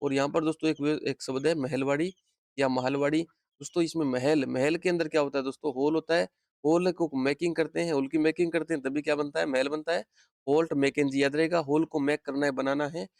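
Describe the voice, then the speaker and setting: Hindi teacher drilling history mnemonics. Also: male voice, on the high side, fairly even intonation, brisk, darkish tone, no echo, studio quality. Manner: repetitive question-and-answer drilling; addresses viewers as friends often. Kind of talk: exam-prep history lesson.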